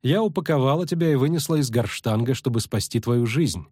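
A male reader voicing a calm, patient elven sorceress who speaks crisply and in command. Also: mid-range voice, a little fast, no echo, studio quality, natural voice.

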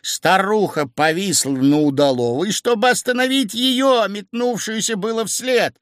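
A man narrating a story as an audiobook, reading in a lively, expressive way. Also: sits high, measured pace, no room sound, studio quality.

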